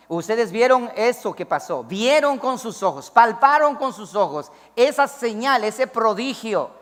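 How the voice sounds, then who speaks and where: A man preaching a sermon as pastor, emphatic, swinging between loud calls to the congregation and low asides. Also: long reverb tail. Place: church.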